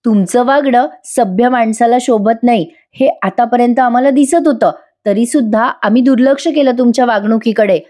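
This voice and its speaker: A woman's voice: a little high, moderate pace, few pauses, darkish tone, lightly acted. A woman voicing a stern elderly grandmother who scolds a relative angrily. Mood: angry. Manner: angry, scolding.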